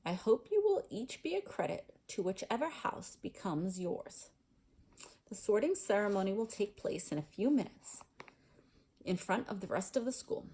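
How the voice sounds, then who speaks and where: Storybook role: strict senior woman professor, voiced by a female reader, authoritative, formal delivery, slightly rough voice. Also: mid-range voice, big pitch swings, normal speed, dark tone, rough recording. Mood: formal, solemn. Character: stern, formal older woman professor addressing new pupils.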